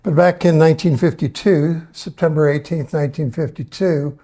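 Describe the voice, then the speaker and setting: Man, seventies, relaxed and folksy, addresses a live audience with a warm, slightly high voice. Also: normal speed. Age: 70s. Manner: folksy, hesitant, full of uh fillers, asks the audience questions. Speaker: presenter. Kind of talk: casual talk to an audience.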